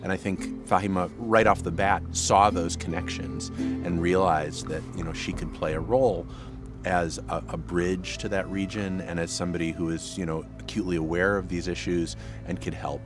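A man's voice: low voice, fairly even intonation, normal speed, music in the background. A middle-aged man, a history professor, speaking thoughtfully with fillers in an outdoor interview. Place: garden outdoors.

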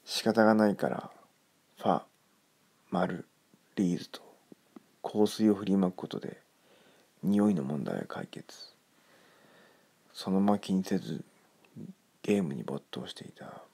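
Hushed, creepy, gravelly man telling ghost stories. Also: lively intonation, unhurried, pauses often. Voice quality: gravelly, breathy low voice, often near whisper. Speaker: ghost story narrator.

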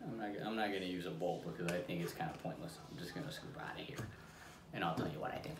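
A man's voice: low-pitched, fast. Rambling man in an echoey room. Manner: rambling, restarts sentences, talks with mouth full. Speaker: vlog co-host. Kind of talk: casual taste-test chat. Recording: echoey room with faint noise.

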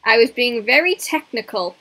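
A young woman streams a game and chats casually with her viewers, rambling in a self-mocking way. Her voice is a little high, bright and forceful, with lively intonation and normal speed, though the recording is low quality.

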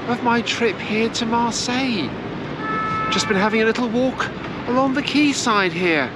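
Strolling outdoors through sunny city streets and squares, a middle-aged woman narrates her walking-tour vlog to a camera held at arm's length. Her voice sits on the high side and moves at normal speed, and her talk is chatty and meandering with frequent hesitations. Traffic and street noise come through on the recording.

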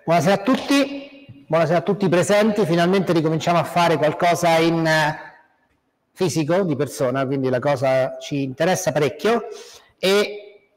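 High-voiced man giving a tech talk. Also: normal speed, low-quality recording. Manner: conversational, explains with examples and asides. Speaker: meetup speaker. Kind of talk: technical talk to a live audience. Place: lecture hall.

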